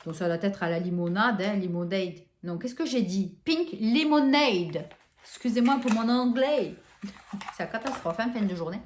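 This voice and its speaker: A woman's voice: mid-range voice, normal speed, a little hiss or hum. Woman, casual haul vlog, hesitant and chatty, gushes over scents, echoey room. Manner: chatty, hesitant, many fillers and restarts. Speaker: vlogger showing a shopping haul.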